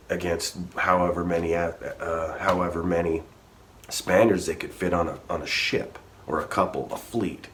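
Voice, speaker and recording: A man's voice: deep voice, fairly bright tone. A man rambling through a history story in a casual, profane rant, restarting often and swearing freely.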